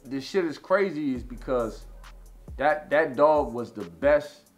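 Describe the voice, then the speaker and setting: A man's voice: mid-range voice, animated, takes it slowly, faint music behind. Rambling profane man in his thirties. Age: 30s. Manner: rambling, repeats "you know what I'm saying", profane. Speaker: interview guest. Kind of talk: casual storytelling.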